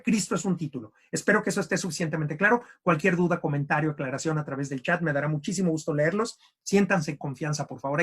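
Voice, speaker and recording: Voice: medium pitch, husky. A theology teacher gives an online lecture, repeating and rephrasing points and often checking in with the listeners. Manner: keeps checking in with "¿sí?" and "¿no?".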